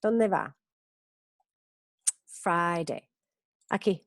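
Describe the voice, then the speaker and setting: A woman teaching an English class over a video call. She drills each word slowly, stretches the sounds and keeps checking with "ok?". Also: lowish voice. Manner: slow, drawn-out pronunciation drills with frequent "ok?" checks. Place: community centre in Barcelona.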